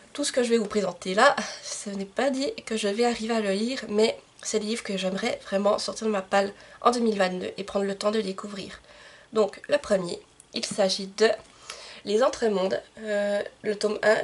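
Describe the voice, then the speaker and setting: A woman book vlogger talks casually to her camcorder, presenting her reading plans. Her voice is husky and a little breathy, at an ordinary middle pitch. She often pauses on fillers and corrects herself mid-sentence. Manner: chatty, frequent fillers and self-corrections. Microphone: camcorder microphone.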